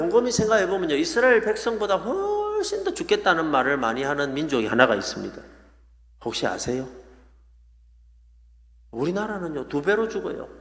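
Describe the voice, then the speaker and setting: Lively male preacher. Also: high-pitched. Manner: animated storytelling with playful asides. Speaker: pastor. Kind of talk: revival sermon. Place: church sanctuary. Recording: echoey church hall.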